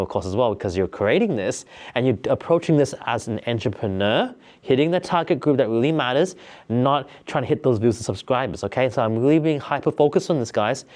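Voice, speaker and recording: A man talking casually to camera, coaching viewers on business ideas in an energetic, repetitive way. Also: mid-range voice. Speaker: business tips vlogger. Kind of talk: casual motivational talk to camera.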